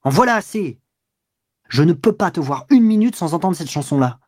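A reader doing a curt, scornful lover. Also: male voice, mid-range voice, normal speed, darkish tone, breathy edge, dry recording, clean studio sound, close to an everyday voice. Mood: harsh. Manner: brusque, sneering. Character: curt, scornful young man, a cynical lover.

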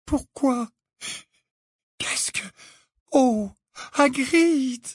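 A man voicing a frightened, pleading teenage girl in an audiobook, shrill and breathless. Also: moderate pace, husky, dry recording, clean studio sound. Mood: distressed. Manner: shrill, breathless and high-pitched. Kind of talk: audiobook character reading.

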